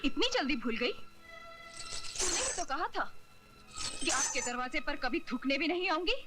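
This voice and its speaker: A cold, scornful lady of a great house, mocking those who beg at her door. Her voice sits high, with loud music swelling under the scene. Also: big pitch swings, measured pace. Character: cruel haughty rich mistress of a mansion. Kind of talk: Hindi film drama. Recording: film soundtrack with loud music.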